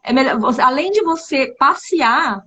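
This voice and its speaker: A Brazilian woman with a high, sharp-toned voice and lively intonation hosts a casual live stream for an exchange agency at normal speed. She's upbeat and chatty, frequently checking in with "né?", and the lo-fi stream audio sounds slightly dull.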